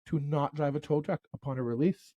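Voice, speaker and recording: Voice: mid-range voice, brisk, warm tone, dry recording, muffled recording. A podcast co-host chatting casually about crime stories, with lots of "like" and "um". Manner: loose, full of fillers like "like" and "um". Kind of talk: casual true-crime chat.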